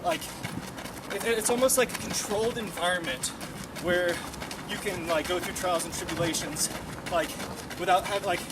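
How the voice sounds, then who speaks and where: Young american dude chatting casually while out on a run, mic kinda far, really loud street noise. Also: male voice, high voice, moderate pace, pauses often. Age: 20s. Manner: talking while running outdoors; rambling, informal, peppered with "like". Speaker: runner and online running coach. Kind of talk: casual chat while running. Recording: distant mic, loud outdoor traffic noise.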